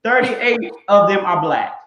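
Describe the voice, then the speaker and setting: A man with a high voice co-hosts the talk in an emphatic, preacherly cadence. His voice sounds roomy, and the recording is dull and lo-fi. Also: big pitch swings, a little slow, fairly bright tone. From Mississippi. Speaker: podcast co-host. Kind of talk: casual discussion.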